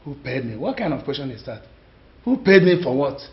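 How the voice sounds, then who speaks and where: A man's voice: medium pitch, sing-song, a little fast, a little hiss or hum, close to an everyday voice. A man playing an older man protesting that he had no part in a killing. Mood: pleading. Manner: protesting, pleading. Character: elder man denying a killing. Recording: dull lo-fi film audio with music.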